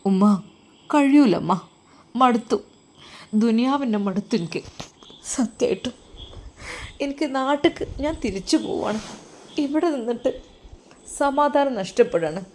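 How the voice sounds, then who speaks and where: A woman voicing a stern, weary religious husband with a Malappuram Malayalam accent, in a lowered, quiet, firm voice. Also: expressive, a little slow, long pauses, a little hiss or hum.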